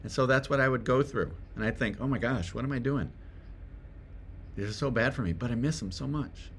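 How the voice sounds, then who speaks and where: This direct-to-camera motivational speaker, whose family roots are Swedish, talks self-help conversationally, asking rhetorical questions and checking in with "right?". He's brisk, medium-pitched and fairly bright, with vocal fry and a little hiss or hum.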